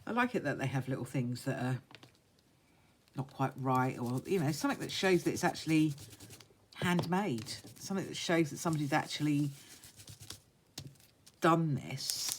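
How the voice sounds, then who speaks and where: A woman with a hoarse, croaky voice chatting casually and unhurriedly through a craft tutorial as she works. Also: low voice, slight background noise. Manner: unhurried, talks along while working with her hands. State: hoarse, still getting over a croaky voice. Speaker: craft vlogger demonstrating techniques.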